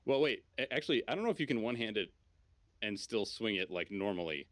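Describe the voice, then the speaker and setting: A man's voice: fairly low pitch, animated, fast talker, fairly bright tone, no room sound. A man chatting casually and informally as he guides other players through a video game on a stream. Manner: informal, swears freely. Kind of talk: casual gaming chat.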